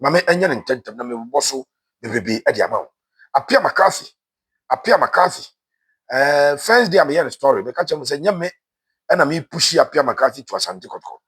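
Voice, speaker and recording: A man with a Ghanaian accent delivers football transfer news in a casual, chatty way. His voice is husky and sits at an ordinary middle pitch. He mixes Twi and English freely and fills pauses with "eh". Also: lively intonation, a bit bright. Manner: switches between Twi and English, frequent "eh" fillers. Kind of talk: casual sports news commentary.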